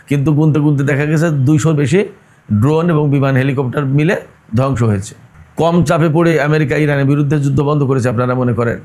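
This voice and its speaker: A male commentator whose voice sits a little high for a man. He builds his case point by point, talks straight to his audience and keeps throwing pointed rhetorical questions. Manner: addresses listeners directly. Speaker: political commentator. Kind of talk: opinionated news commentary.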